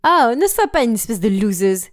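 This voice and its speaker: A woman's voice: fairly high pitch, very animated, normal speed. Woman doing a spiteful teen cheer captain. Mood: taunting. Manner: mocking, bossy.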